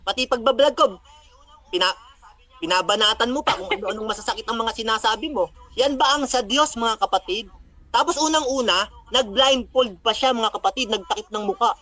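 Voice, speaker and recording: A man's voice: extremely high pitch, brisk, bright, forceful tone. A man acting as a religious debater, mockingly recapping a debate, taunting his opponent and citing Bible verses.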